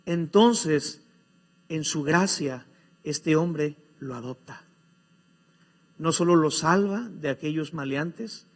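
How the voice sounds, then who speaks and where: A man preaching a sermon, using rhetorical questions and dramatic swings from loud to hushed. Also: a little high.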